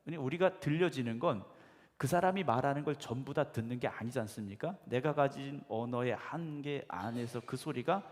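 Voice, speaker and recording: A male pastor preaching a conversational sermon, often putting questions to the congregation and affirming with a quick "yes.". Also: mid-range voice, a little mellow. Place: church sanctuary. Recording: echoey church hall.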